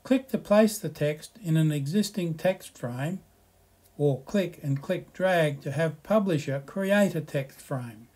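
A man with a somewhat higher-pitched voice slowly narrates a software slideshow tutorial. He reads the slides aloud in a relaxed, explanatory manner, adding friendly asides.

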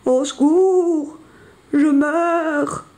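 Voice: medium pitch, moderate pace, dark tone, voice pushed up, close to an everyday voice. A storyteller voicing Jean-Claude, a patient, sceptical friend who plays along with hesitant, sighing lines and mock dramatic cries for help. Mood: mock dying. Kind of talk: storybook read-aloud.

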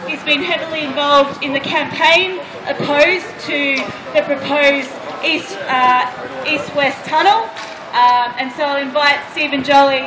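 A woman's voice: high voice, steady tone, measured pace. A young woman speaking at an outdoor protest rally, hesitant with many fillers, recorded from a distance on a city street. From Australia. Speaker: rally organiser. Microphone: far camera. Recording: roomy street sound, crowd and traffic noise.

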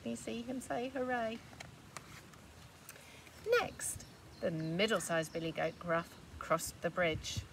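A woman reads a storybook aloud to children, slow and very expressive, inviting them to join in. She is outdoors by a grassy hill. The mic sits some way off, with faint traffic behind. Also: fairly low pitch, gravelly, far from the mic. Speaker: teacher reading to children.

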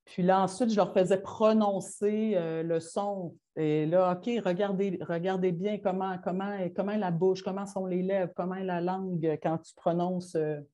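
A woman's voice: fairly low pitch, steady tone, warm tone. A woman with a Quebec French accent, a teacher presenting her classroom methods to colleagues in an informal, hesitant way with many fillers and restarts. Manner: self-described rushing delivery.

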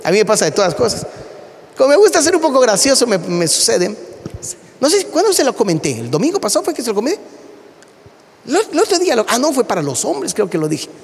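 A man preaches from the pulpit, his voice high and gravelly with rough fry at the edges. He tells his stories with lots of animation and keeps addressing the congregation as brother. The sound carries a long reverb tail from a large church hall. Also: wildly swooping pitch, fast talker. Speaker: pastor. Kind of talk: sermon.

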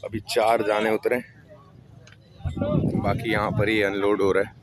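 A man's voice: on the low side, level tone, unhurried, over a noisy crowd. A man vlogging outdoors at a cattle market, chatting to viewers in a casual, admiring way. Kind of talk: casual live commentary. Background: animals, vehicles and street noise.

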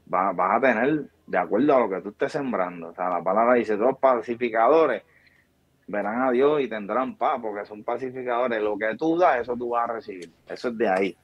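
Talking fairly quickly in a mid-range voice, a man in his thirties from Puerto Rico, founder of a barbershop, gives a video-call interview with a Puerto Rican Spanish accent. His motivational talk is emphatic and preachy, accompanied by hand gestures. The audio, captured by webcam in a small indoor room, is dry, dull, and lo-fi.

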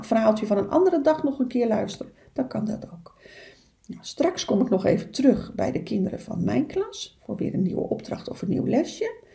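A woman's voice: fairly high pitch, vocal fry, mellow, echoey room. A woman teacher reading a picture book aloud to young children, with chatty asides to her listeners.

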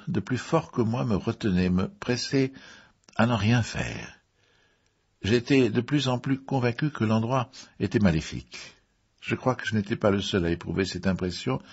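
A man narrating a mystery story in a measured way, with the odd filler. His voice is low and husky. The recording is dull and muffled. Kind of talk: audiobook reading.

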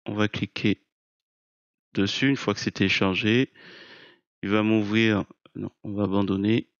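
A man narrating an unscripted software screencast, explaining step by step in a hesitant, halting way. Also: fairly low pitch, fairly even intonation, no echo, lo-fi sound. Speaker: software tutorial presenter.

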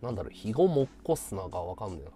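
A man from Chiba talks casually to his live-stream audience, rambling from story to story and laughing as he goes. His pitch swings widely and constantly, and faint music plays underneath. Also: rapid-fire. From Chiba, Japan. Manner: rambling, animated, laughing at his own stories. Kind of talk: casual chat with viewers.

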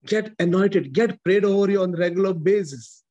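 A non-native English speaker with an Indian accent, this forties-aged priest gives a sermon from a small chapel over a video call, recorded by a close webcam. His voice sits high, a little mellow, at a moderate pace. He's emphatic and repetitive, restarting frequently and gesturing as he talks.

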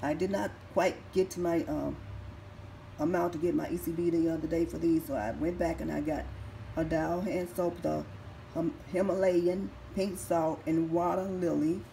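A raspy woman in her 50s, a couponing vlogger recovering from surgery, slowly goes through a shopping haul in a casual walkthrough, methodically reading prices off receipts. Her fairly low voice is steady and dark in tone. She's filmed on a phone camera held over the items in an echoey room at home with faint background noise.

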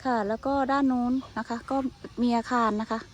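A woman's voice: on the high side, steady tone, a little fast. A woman giving a casual walking tour outdoors on a hot day, chatting to her viewers and often apologizing. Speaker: vlogger.

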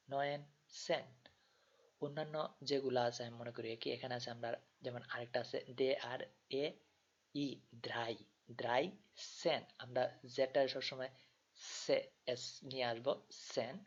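A man from Bangladesh, a German language tutor, counting numbers aloud slowly and explaining pronunciation in a tutorial. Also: mid-range voice, fairly bright tone. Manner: slow, drilled counting with explanations. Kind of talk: spoken tutorial lesson. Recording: slightly dull, lo-fi sound.

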